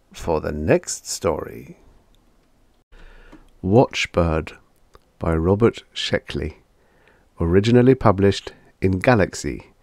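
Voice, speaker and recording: An audiobook narrator with a low male voice reads vintage science fiction in a measured, dramatic style. The recording is close and dry with hardly any room sound, and his tone is a little mellow.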